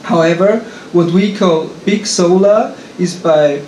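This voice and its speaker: A man's voice: sits high, darkish tone, slight background noise. Austrian-accented man presenting in an echoey hall. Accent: Austrian German. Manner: halting, frequent restarts and fillers. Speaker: conference presenter, engineer. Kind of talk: conference presentation. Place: conference hall.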